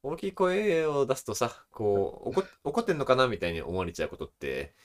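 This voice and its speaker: A young man in his twenties co-hosting a relaxed podcast chat, chuckling often. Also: medium pitch, a little fast. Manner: relaxed, chuckling, demonstrates voices. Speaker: podcast co-host. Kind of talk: casual chat.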